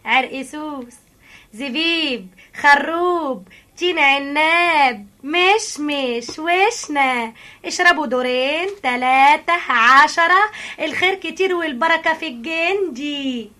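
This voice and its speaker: Brash, big-hearted Egyptian shopkeeper, very high piercing voice, radio drama vendor calls. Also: female voice, slow, sharp tone, heavily acted. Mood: rousing, generous. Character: brash, big-hearted Cairo drinks-shop woman.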